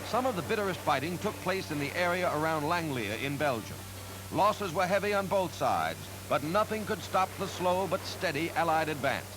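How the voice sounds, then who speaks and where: Man with a high voice, old newsreel narration, serious announcer tone, music playing underneath. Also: animated, normal speed, low-quality recording. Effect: old newsreel sound.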